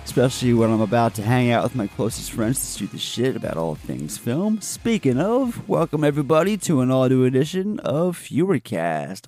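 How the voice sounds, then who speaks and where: This man hosts a casual film podcast with an upbeat, breezy emcee manner, tossing in the odd swear word. His voice sits at an ordinary middle pitch and sounds dry and close, with faint music behind him. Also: darkish tone, dry recording. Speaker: podcast host.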